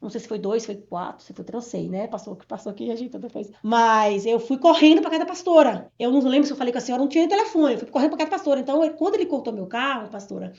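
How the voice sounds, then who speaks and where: A woman from Bahia, Brazil, tells her personal testimony at a rapid pace. Her voice sits fairly high, and she often restarts her sentences. The recording sounds dull and lo-fi. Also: lively intonation, darkish tone. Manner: fast, earnest, with many restarts. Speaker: interviewee giving a testimony.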